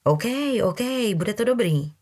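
A woman voicing a brutal, menacing young man who talks in low, slangy threats. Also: expressive, darkish tone, breathy edge. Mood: threatening.

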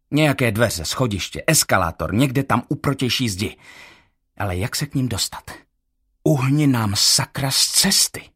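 A man reading a first-person audiobook in a measured, tense storytelling manner. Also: mid-range voice, slightly rough. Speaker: audiobook narrator.

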